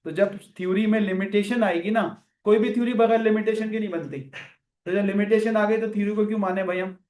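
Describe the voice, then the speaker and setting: A man lecturing students in a classroom, animated and full of rhetorical questions. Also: high voice, a little fast, echoey room. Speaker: finance lecturer.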